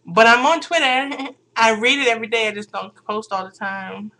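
A woman's voice: a little high, moderate pace, bright, forceful tone. A woman vlogging casually, chatty and sassy, rambling and laughing often. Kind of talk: casual unscripted vlog.

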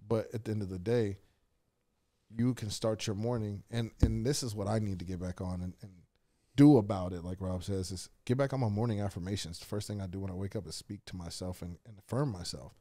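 A man's voice: fairly low pitch, fairly quick, warm tone. A man hosting a podcast in casual chat, motivational and swearing casually. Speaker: podcast host.

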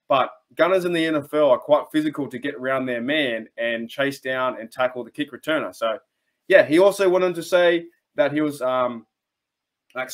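A young Australian man hosting a sports fan channel, talking casually to camera from a small room at home, chatty and enthusiastic with frequent restarts and asides. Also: mid-range voice.

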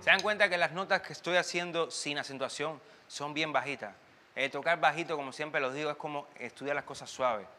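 A man's voice: a little high, fairly quick, long reverb tail, music in the background. A man giving a casual online timbal lesson, chatty and loose, sometimes singing drum patterns aloud while swaying as he talks. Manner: moves and sways while talking. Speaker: timbal teacher.

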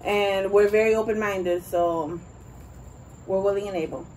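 A woman's voice: medium pitch, steady tone, unhurried, darkish tone, slight background noise, rough recording. A young woman co-hosting an eating video, speaking animatedly and addressing viewers directly. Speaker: co-host. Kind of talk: casual mukbang chat.

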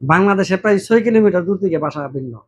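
A man's voice: high voice, quick pace, breathy edge. Bangladeshi man. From Brahmanbaria, Bangladesh. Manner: mimics regional dialects, animated and warm-hearted. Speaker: vlogger. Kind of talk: casual monologue to camera.

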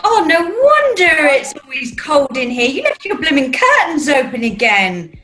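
A woman's voice: high-pitched, big pitch swings, normal speed, bright, forceful tone, heavily acted. A woman playing a fussing, coaxing British mother in a rehearsed script reading over a video call. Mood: brisk, cheery. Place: small room at home, video call.

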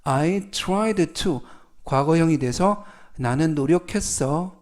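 A middle-aged man with a Korean accent teaching English vocabulary. He explains politely and methodically, and says each English word slowly several times. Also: a little high, darkish tone. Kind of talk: slow explanatory vocabulary lesson.

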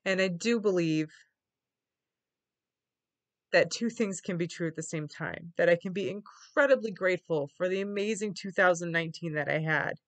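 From a small wood-paneled room, a middle-aged vlogger opens up to the camera in a casual, confessional way, weary and reflective. Her voice is lowish and she speaks at a normal speed.

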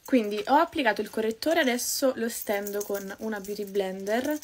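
A young woman from Naples, chatting quickly and casually to her viewers while doing her makeup. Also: medium pitch, a little mellow, slight background noise. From Naples, Italy. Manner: fast-talking, chatty, addresses viewers as "raga". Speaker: beauty vlogger. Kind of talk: casual get-ready-with-me chat.

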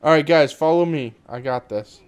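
Hosting a casual multiplayer gaming session, a man walks his friends through the controls with plenty of "um"s. His voice sits on the high side, clear and resonant, at a moderate pace, with no room sound.

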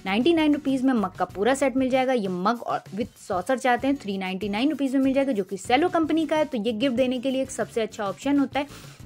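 Woman shopping vlogger, higher voice, upbeat price rundown, phone-recorded in-store, faint music behind. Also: a little fast, darkish tone. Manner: upbeat sales-pitch, listing prices. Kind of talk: store walkthrough narration. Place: large retail store.

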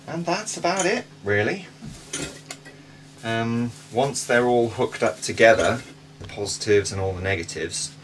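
A man in his thirties with a very deep voice talks through technical kit in a relaxed, practical way. He sits in a boat cabin, recorded from across the table by a wide camera. The sound is distant, with a clear layer of background noise. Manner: relaxed, practical, explains step by step. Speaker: sailing vlog host. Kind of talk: casual explainer. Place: inside a sailboat cabin.

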